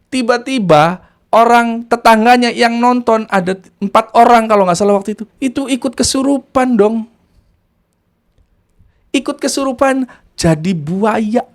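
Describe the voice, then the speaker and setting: A man who practices ruqyah telling a story in a casual, animated way, moving between hushed and excited delivery. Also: high voice.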